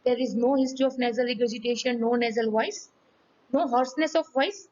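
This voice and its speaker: Woman teaching med students, high voice, hoarse from yelling, keeps asking okay? ready?. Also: a little fast, muffled recording. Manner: checks in often with "okay?" and "ready?". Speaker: physiology teacher. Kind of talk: medical lecture with demonstration.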